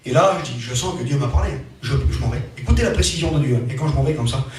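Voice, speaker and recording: A man preaching a testimony sermon, telling a story with animated rises and falls in his voice. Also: medium pitch, fast talker. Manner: animated storytelling, voice rising and falling. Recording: very echoey room, from far off.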